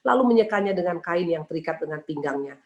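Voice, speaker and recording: A woman preaching a sermon at a brisk, rapid pace. She peppers her talk with rhetorical questions and speaks to her listeners as sisters. Her voice carries a roomy echo. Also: lowish voice, animated, a little mellow, highs cut off. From Indonesia. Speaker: women's ministry speaker.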